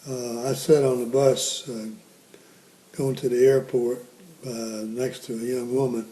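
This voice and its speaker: An elderly American man, a war veteran, recalling his service in a halting, reflective interview manner. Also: mid-range voice, flat delivery, mellow, rough recording. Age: 80s or older. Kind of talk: reminiscing interview talk.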